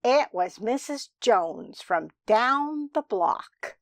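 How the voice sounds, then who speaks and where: Woman slowly reading a storybook aloud. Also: fairly high pitch, no echo, studio quality. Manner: slow, expressive storybook reading. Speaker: children's sermon storyteller. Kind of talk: reading a picture book aloud.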